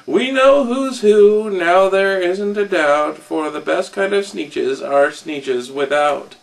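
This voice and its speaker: A man doing proud shouting storybook creatures. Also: fairly high pitch, slow pace, creaky, full character voice, poor audio. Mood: triumphant. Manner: loud, proud chanting.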